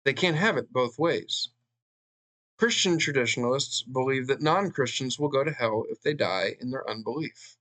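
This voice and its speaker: A man reading a book chapter aloud and adding his own commentary, earnest, with fillers and pauses between passages. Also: mid-range voice, animated, a bit bright. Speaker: channel host reading a book.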